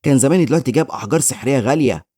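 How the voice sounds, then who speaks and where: A man's voice: mid-range voice, very fast, dark tone, no echo, studio quality, close to an everyday voice. Man reading a bullied teenage boy mage, Egyptian accent. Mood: earnest. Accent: Egyptian Arabic.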